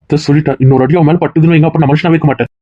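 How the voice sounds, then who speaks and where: A heated young husband, as a woman plays him in a family drama skit, speaking at rapid pace with threats. The sound is dull and lo-fi. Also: low voice, fairly even intonation, dark tone, dry recording. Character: young husband defending his wife, angry.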